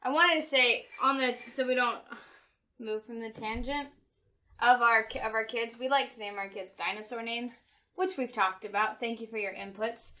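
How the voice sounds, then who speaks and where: A woman's voice: a little high, normal speed, pushed and bright. A young woman chatting casually as a co-host, pronouncing her R's like W's. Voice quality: says w for r, can't pronounce R well. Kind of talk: casual chat.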